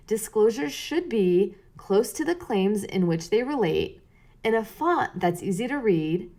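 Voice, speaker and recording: A woman's voice: mid-range voice, darkish tone. A woman hosting a solo podcast, explaining tips in a conversational way and speaking straight to the listener. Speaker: podcast host.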